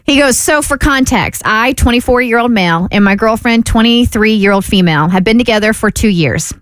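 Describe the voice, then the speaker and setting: A woman's voice: a little high, brisk, no room sound. A woman co-hosting a radio talk show, chatting casually and telling stories with easy laughs into a studio mic. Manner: chatty, storytelling, laughs easily. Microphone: studio microphone.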